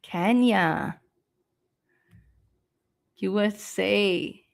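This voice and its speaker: Slow-talking woman teaching English live. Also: medium pitch, gravelly. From Canada. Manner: slow, patient explanations with frequent ums and uhs. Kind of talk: live-stream speaking lesson.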